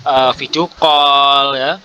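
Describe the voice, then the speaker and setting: A man's voice: medium pitch, little pitch movement, takes it slowly, a loud crowd. A man, coaching a fellow teacher in a hesitant, encouraging way, with many fillers. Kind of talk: coaching conversation practice.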